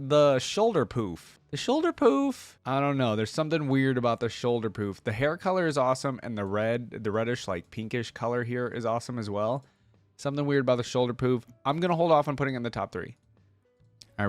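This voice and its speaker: Here a medium-pitched man hosts a reaction video in a dry recording. He offers relaxed, eager commentary, reading aloud in places and voicing his thoughts as he goes.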